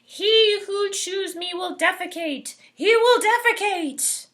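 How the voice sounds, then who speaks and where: A woman's voice: very high voice, slow pace, fairly bright tone, voice pushed up, exaggerated voice. A woman voicing a small taunting plant bulb in a trickster tale, chanting its warning like a storybook creature.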